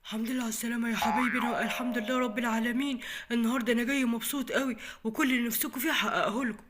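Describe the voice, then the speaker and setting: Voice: mid-range voice, fairly even intonation, rapid-fire, noisy background, close to an everyday voice. A performer with an Egyptian accent playing a cheerful, chatty family father in a home skit. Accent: Egyptian Arabic.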